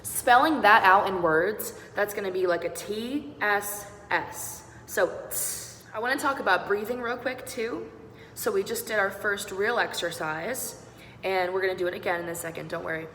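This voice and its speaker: A young woman teaches beatboxing in a bright, encouraging way and talks students through every sound. Her voice rings in a roomy space with a long reverb tail. Faint background noise hums under it. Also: medium pitch, normal speed. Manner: upbeat, encouraging, demonstrates sounds step by step. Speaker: singing teacher. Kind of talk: online beatboxing lesson.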